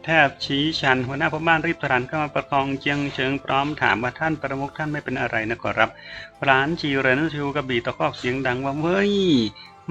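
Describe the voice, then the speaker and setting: A man reading a novel aloud as an audiobook narrator, with a bright, forceful tone. His storytelling is measured and steady, with soft music underneath. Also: mid-range voice, muffled recording.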